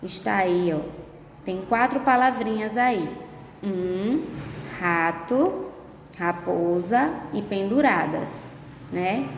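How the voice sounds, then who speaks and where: A woman teacher explaining a lesson to young children, slow and patient, checking understanding with little tag questions all the time. Her voice rings in a bare room with a long reverb tail, and a faint hum of ambience sits under it. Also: medium pitch, expressive. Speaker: primary school teacher. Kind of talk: remote lesson to young pupils.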